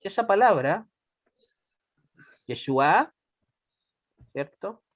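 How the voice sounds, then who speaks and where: A man teaching a Hebrew class, patient and deliberate, often checking that students follow. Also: on the high side, animated. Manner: patient, checks understanding with frequent "¿ya?"; slow and deliberate, repeats words for students. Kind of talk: classroom lesson.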